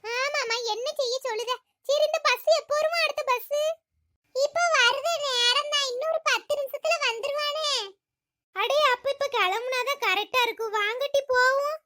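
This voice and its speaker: A woman's voice: very high voice, moderate pace, bright, forceful tone. A woman voicing many characters in a village cartoon comedy, with chatty village talk.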